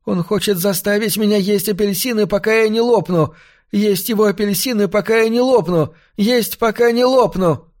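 Brief: male reader doing a frightened small boy, shrill, panicked and high. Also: normal speed, a little mellow, natural voice. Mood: terrified. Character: terrified little boy screaming from a nightmare.

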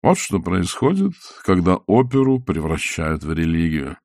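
A man's voice: deep voice, big pitch swings, unhurried, darkish tone, dry recording, clean studio sound, voice pushed down, full character voice. A man voicing a scheming, mocking male opera villain who speaks in a sneering, theatrical, taunting way. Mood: gloating.

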